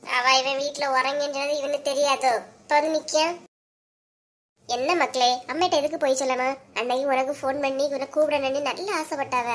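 A high, girlish-sounding village woman voiced by a woman for a cartoon, with a thick Kanyakumari Tamil accent. She gossips, scolds and teases her relatives in a quick, chatty way. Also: fairly even intonation, natural voice. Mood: stern. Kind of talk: cartoon voice acting.

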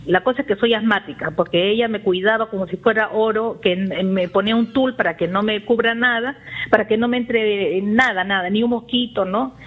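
Caller: woman in her 40s, husky, rambling and confessional, on dull lo-fi audio. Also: medium pitch, brisk. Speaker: radio caller. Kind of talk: call-in confession to a therapist.

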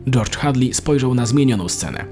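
A man narrating an animated story in a steady, measured manner. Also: mid-range voice, over music. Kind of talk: scripted narration.

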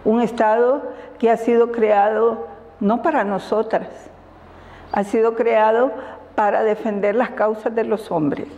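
Older Honduran activist woman, measured interview delivery with long pauses, lapel mic in a lingering reverb. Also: fairly high pitch, steady tone, mellow, muffled recording. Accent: Honduran Spanish. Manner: slow, deliberate, reflective with frequent fillers and laughs. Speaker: women's rights defender. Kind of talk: interview answers. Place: indoors in front of a banner.

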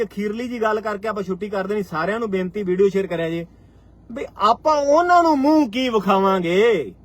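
A man's voice: high voice, a bit bright. A man in his forties with a Punjabi accent, giving a fiery live-stream address as a farmers' union leader and driving his points home with repeated rhetorical lines. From Punjab, India. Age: 40s.

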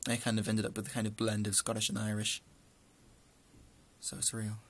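A young adult man with a northern English accent vlogs into a close webcam in a small room, chatting casually through a list of questions. His lowish voice is monotone and brisk, and he rambles along with dry asides.

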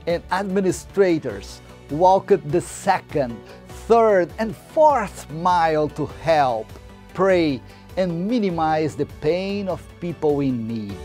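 A man giving a slow, measured scripted narration. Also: fairly high pitch, a little mellow.

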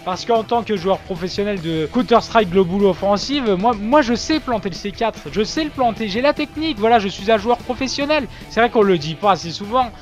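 High-voiced man doing ironic game commentary. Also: lively intonation, brisk, few pauses, soft background music. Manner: mock-boastful, ironic self-praise. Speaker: gaming video host. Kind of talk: gameplay commentary.

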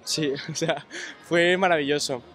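A young man answering a street interview outdoors, cheerful and quick to laugh, into a handheld microphone. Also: fairly high pitch, steady tone, a bit bright, a little hiss or hum. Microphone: handheld microphone held by the interviewer.

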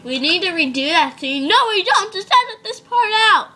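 High-voiced girl directing a toy movie, bossy and giggly, noisy home video. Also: sing-song, moderate pace, bright, forceful tone.

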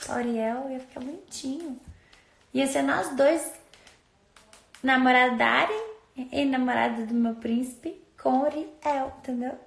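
A high-voiced woman talks into her phone in a loose, chatty way, drifting from story to story with playful asides. The room around her rings with a clear echo. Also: unhurried. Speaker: social media influencer. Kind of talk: casual phone stories chat. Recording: roomy echo.

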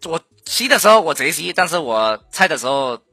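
A young man streamer talks bluntly and at length on a call, swearing casually while he teases and comforts. His voice is bright and husky, the sound dry and close, with faint music behind. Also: fairly high pitch, big pitch swings, fairly quick, no room sound.

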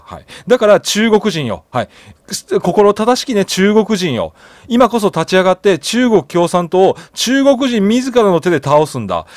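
A man's voice: high-pitched, no room sound. A man hosting a solo news commentary channel, reading articles aloud and chatting about them with frequent fillers and tag questions.

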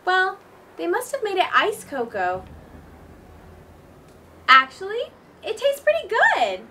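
A woman's voice: very high voice, huge pitch swings, slow pace, bright, forceful tone, heavily acted. A woman playing a curious, bookish princess who probes her friends in a live-action play-acting skit, heard from a distance with music behind.

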